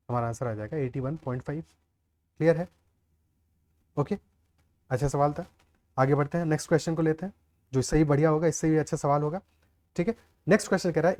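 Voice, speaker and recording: This man's voice sits fairly high with a darkish tone. He walks a class through a maths lesson step by step, explaining aloud and frequently asking "clear?" and "okay" to check that everyone follows.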